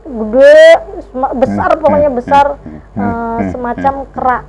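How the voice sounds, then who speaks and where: A woman's voice: high-pitched, measured pace, lo-fi sound, crowd noise. A woman guest telling a neighbour's ghost story in casual talk, hesitant and full of fillers, acting out shocked gasps.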